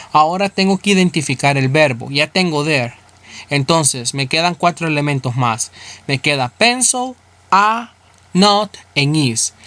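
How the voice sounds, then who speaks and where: A man's voice: a little high, bright, forceful tone. Male teacher, walking through a grammar lesson and answering his own questions. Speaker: English teacher. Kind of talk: explaining grammar step by step, thinking aloud.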